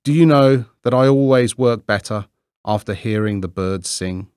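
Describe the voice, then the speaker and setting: A man's voice: lowish voice, moderate pace, darkish tone, clear, resonant tone, no room sound, clean studio sound, voice pushed up, close to an everyday voice. A man voicing a shy, timid, hardworking little man who speaks earnestly and meekly.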